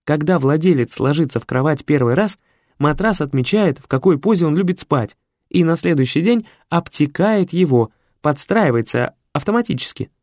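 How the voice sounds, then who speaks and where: A man reading an audiobook with lively, theatrical narration. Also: on the high side, moderate pace, dry recording, studio quality. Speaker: audiobook reader.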